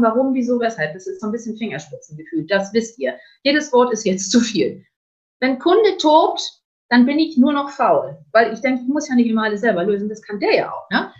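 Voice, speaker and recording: A middle-aged sales trainer with a northern German accent and a somewhat high voice teaches a webinar on customer objections. She is lively and acts out customer dialogues, though the recording sounds muffled.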